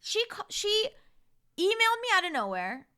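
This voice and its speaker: A woman in her thirties, a podcast guest telling stories in casual chat, animated and quick to swear. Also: extremely high pitch.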